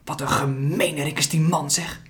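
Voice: medium pitch, level tone, unhurried, pitched above the performer's own voice, natural voice. Een voorlezer die een verontwaardigde jongen speelt die sist en opgewonden praat. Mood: hissing. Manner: hissing, agitated. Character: angry, indignant young boy.

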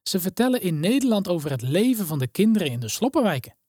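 A woman voicing a kind, calm male pastor speaking gently to children. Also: fairly low pitch, fast talker, slightly rough, dry recording, clean studio sound, voice pushed up. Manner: calm, friendly and reassuring.

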